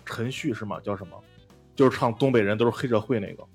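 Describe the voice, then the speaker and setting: A man's voice: on the low side, quick pace, breathy edge, soft background music. A man chatting casually and explaining his point in a jokey way, with rhetorical questions. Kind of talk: casual chat.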